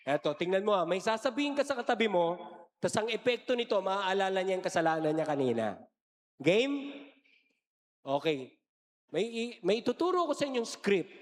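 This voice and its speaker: A man preaches to a congregation in a high, bright voice. He jokes and coaxes the crowd into answering back. His words ring out with a long echo in a large church. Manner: playful and joking, coaxing the crowd into call-and-response. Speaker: lay preacher giving a parish retreat talk. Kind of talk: lively sermon-style talk to a congregation. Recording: echoey church hall.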